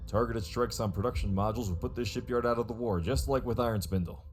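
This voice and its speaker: A man voicing a brisk male naval officer in a game, with a clipped military delivery. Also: medium pitch, soft background music, natural voice. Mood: tactical. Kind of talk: scripted game briefing.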